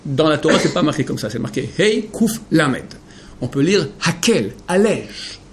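A man giving a Torah lecture to an audience of men, emphatic and rhetorical, swinging between hushed explanation and impassioned questions. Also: on the high side, lively intonation, moderate pace, slight background noise. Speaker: rabbi teaching Torah.

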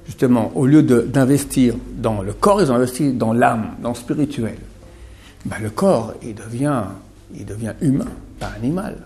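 Middle-aged male religious teacher, gravelly and mellow, emphatic sermon delivery. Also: medium pitch, a little hiss or hum. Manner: emphatic, repetitive, swings from loud to murmured. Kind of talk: sermon to a small audience.

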